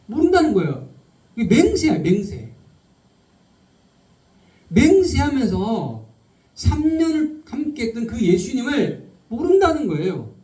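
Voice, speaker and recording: A male pastor preaching a sermon, firing rhetorical questions at the congregation and slowing down to stress key words. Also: very high-pitched, wildly swooping pitch, mellow. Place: church sanctuary. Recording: roomy hall, speaker far from the mic.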